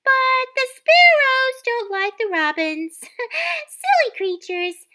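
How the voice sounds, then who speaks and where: A woman reading aloud doing a chattery, nervous young girl's voice for Cinderella, very high-pitched and breathless. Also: big pitch swings, takes it slowly, sharp tone, heavily acted. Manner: breathless, squeaky, stammering.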